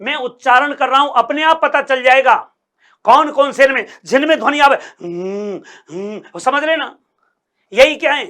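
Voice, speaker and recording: A man's voice: very high-pitched, bright, forceful tone. A man teaching a Hindi grammar lesson at a coaching class, sounding out letters one by one and repeating key phrases as he quizzes his students. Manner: sounds out letters slowly to demonstrate; addresses students as sir and brother.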